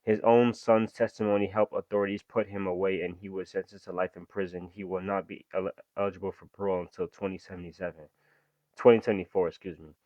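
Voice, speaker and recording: A young man reads true-crime stories aloud and drops into loose, slangy commentary between passages. His voice sits fairly low. The recording is dry and a little dull, like a home mic with the highs rolled off. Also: no echo. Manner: reads story aloud, then breaks off into slangy asides. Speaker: reaction video host. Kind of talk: casual reaction commentary.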